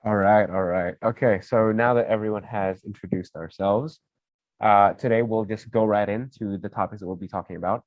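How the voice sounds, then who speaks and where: A man's voice: on the low side, steady tone, normal speed, no echo. A young man moderating a casual student video discussion, friendly and rambling. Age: young adult. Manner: friendly, rambling, self-correcting. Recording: dull dry lo-fi call audio.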